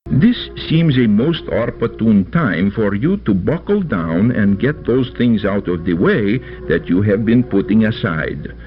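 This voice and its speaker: A man voicing the formal, old-fashioned male fortune teller inside a crackly fortune machine, speaking through its speaker. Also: lowish voice. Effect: crackly fortune machine speaker playback. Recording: dull lo-fi machine speaker with faint music.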